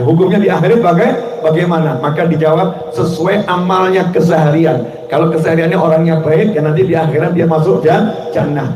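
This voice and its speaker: A man with an Indonesian accent giving a sermon at a religious gathering, telling stories and jokes in a relaxed way and putting questions to the audience. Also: high-pitched. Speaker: preacher. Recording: echoey hall, distant mic, background noise.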